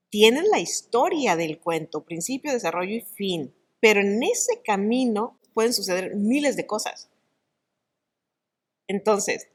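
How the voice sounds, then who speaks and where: A middle-aged woman, an actress and oral storyteller, talking in an interview in an animated, expressive way. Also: medium pitch. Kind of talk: conversational interview.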